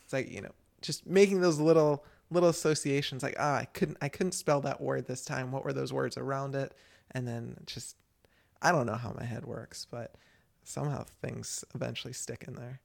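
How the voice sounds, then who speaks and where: An American man co-hosting a developer podcast chats casually, rambling and often restarting his thoughts. His mid-range voice is creaky, with a steady tone and normal speed.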